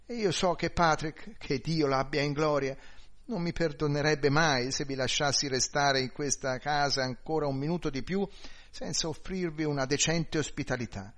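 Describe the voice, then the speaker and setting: Brief: polite, soft-spoken young widow, done by a male reader; pleading, courteous. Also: a little high, normal speed, voice pushed up, close to an everyday voice. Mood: gracious.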